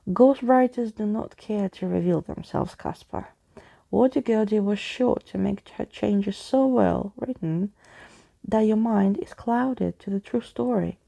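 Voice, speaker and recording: A pompous old skeleton from a children's storybook, played by a woman. He speaks in grand, wordy flourishes with a theatrical air. The voice is mellow and gravelly at the edges. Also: mid-range voice, unhurried. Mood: revealing. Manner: grandiose, alliterative, theatrical speech.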